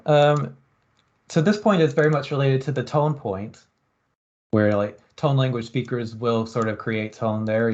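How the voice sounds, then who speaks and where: Guy with a lowish voice giving a uni lecture, loose and chatty, lots of ums, kinda dull lo-fi sound. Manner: relaxed, thinking aloud with frequent ums. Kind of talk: university lecture on experiment design.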